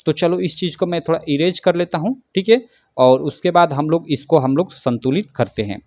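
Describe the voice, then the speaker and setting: A man's voice: fairly high pitch, moderate pace, darkish tone, no echo. A man teaching a science lesson at a whiteboard. He explains step by step and keeps asking and answering his own questions. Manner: frequent fillers like "theek hai".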